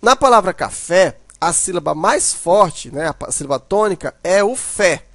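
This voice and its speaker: A man's voice: high voice, very animated, moderate pace, fairly bright tone, no room sound, clean studio sound. A man teaching a grammar lesson, explaining step by step and often checking in with "né".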